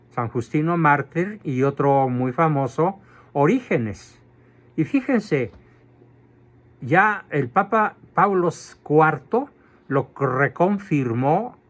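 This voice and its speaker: A male catechism lecturer gives a doctrinal talk in a measured, forceful way, his voice slightly high and his pace drawn out. He is emphatic, slow and deliberate, spelling out terms as he goes.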